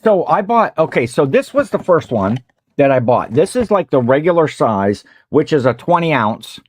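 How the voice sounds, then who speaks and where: A man's voice: on the high side, very animated, normal speed, dry recording, studio quality. A man with a Midwestern American accent hosting a casual livestream, rambling while he eats and greets viewers in the chat. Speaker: host of a reseller livestream.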